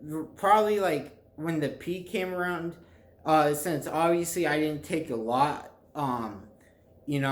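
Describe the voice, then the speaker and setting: A young man chatting casually to viewers in a halting, rambling way, often groping for words. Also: fairly high pitch. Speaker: vlogger telling a personal story. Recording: echoey, reverberant room.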